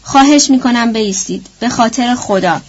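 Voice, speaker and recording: A woman reading the lines of a desperate father who pleads loudly for help, in an audiobook. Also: a little high, dull audio, lightly acted. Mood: pleading. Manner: urgent, loud, begging.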